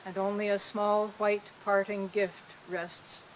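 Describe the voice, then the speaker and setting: A woman poet reciting her poems to a small audience in an outdoor park, with a gentle, lilting delivery. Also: mid-range voice, level tone, slow pace, a little hiss or hum, low-quality recording.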